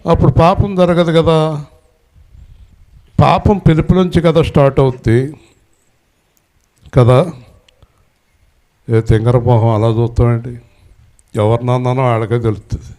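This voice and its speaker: A man preaching a sermon who scolds and quizzes his congregation, demanding loud answers, and swings from low murmurs up to high shouted peaks. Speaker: pastor.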